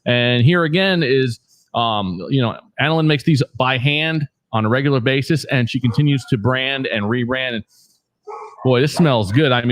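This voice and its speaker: A man's voice: medium pitch, a bit bright, no room sound. A man hosting a casual local talk show, rambling with many restarts and fillers as he tries products. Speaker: host.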